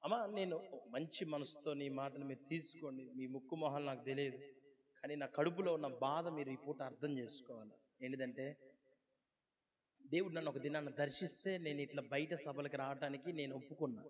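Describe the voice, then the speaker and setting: A male pastor delivering a sermon, asking the congregation rhetorical questions and moving between quiet pleading and loud exclaiming. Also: a little high, fairly even intonation, quick pace. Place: church hall. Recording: long hall reverb.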